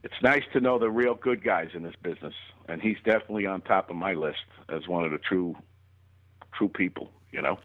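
A man's voice: sits low, a little fast, narrow, tinny audio. A man co-hosting a casual comedy talk show, effusive and loose, often breaking in with exclamations. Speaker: comedian co-host. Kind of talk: casual podcast chat.

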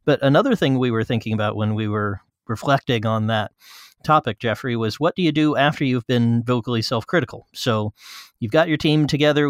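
A man's voice: medium pitch, dry recording. A man co-hosting a casual podcast chat, his voice slightly scratchy, with dry joking remarks. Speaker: podcast co-host.

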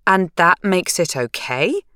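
A woman's voice: lowish voice, big pitch swings, takes it slowly, bright, forceful tone, dry recording, studio quality, pitched above the performer's own voice, full character voice. A woman narrator voicing an anxious, easily provoked young wife, pleading and emphatic. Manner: fretful, pleading, rising emphasis.

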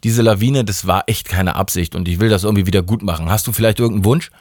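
A man's voice: fairly low pitch, fast talker, a little mellow, dry recording, studio quality, lightly acted. A man voicing a laid-back, slangy male God who is sloppy and careless, talking casually and getting flustered.

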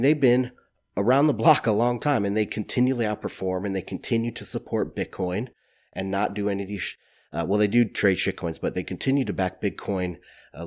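Low-voiced man with a stuffy nose. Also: a little mellow. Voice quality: stuffy, congested nose from a cold. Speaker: podcast host. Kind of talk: solo market commentary podcast.

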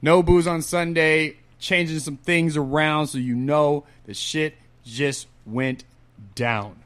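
A man's voice: fairly high pitch, steady tone, slow pace, fairly bright tone. Slangy man hosting a podcast. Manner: hype introductions, slangy. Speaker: podcast host. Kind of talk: casual roundtable chat.

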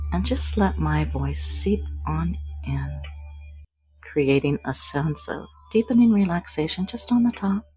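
A woman guiding a hypnosis induction in a soft, breathy voice, often slipping into a whisper. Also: deep voice, no echo.

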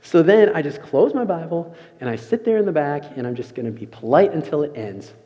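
A young man preaching a sermon as a pastor, telling an animated story. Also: on the high side, fairly quick. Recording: muffled sound, long reverb of a large room.

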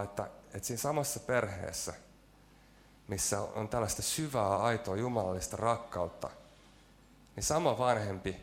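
A man preaching a sermon in a church, telling a personal story with self-mocking jokes and frequent hesitant fillers. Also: fairly low pitch.

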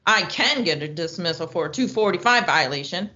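A woman's voice: fairly low pitch, expressive, noisy background, natural voice. A woman voicing a feisty defense lawyer who argues indignantly in country talk. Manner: indignant, rapid legal arguing, country talk. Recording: muffled lo-fi audio.

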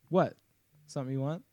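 A young man from Ohio with a Northeast Ohio accent, co-hosting a casual podcast chat, joking and laughing often. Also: dry recording. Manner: joking, laughs often, lively pitch swings. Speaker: podcast co-host.

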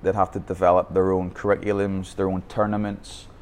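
His voice is low, brisk and darkish with a level tone, marked by a Northern Irish accent. The Northern Irish founder of a Bangkok youth football academy recounts his coaching story candidly in a podcast interview, restarting frequently.

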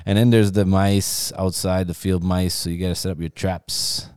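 A very low-pitched man talks loosely through a long everyday story on a podcast. He rambles and swears now and then. The sound is dry and close. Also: flat delivery, moderate pace, a little mellow, clean tone, no echo. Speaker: podcast co-host. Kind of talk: casual chat.

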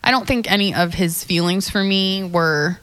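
Low-voiced woman, thoughtful dating coach. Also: normal speed, a bit bright, clean tone. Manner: thoughtful, repeats words, laughs often. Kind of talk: casual interview chat. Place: lives in New York.

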